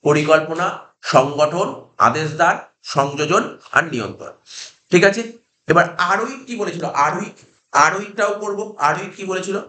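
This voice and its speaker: A man's voice: a little high, moderate pace, sharp tone, echoey room. A man with a Kolkata Bengali accent, lecturing a class and drilling students with repeated questions. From India. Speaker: teacher.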